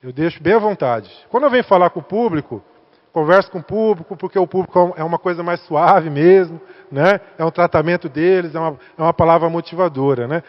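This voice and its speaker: A man's voice: on the high side, a little fast. A man with a Brazilian Portuguese accent gives a spiritist talk to center workers, chatting and asking the audience questions. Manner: conversational, asks the audience questions. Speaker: guest speaker. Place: spiritist center meeting hall. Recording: echoey hall, dull lo-fi sound.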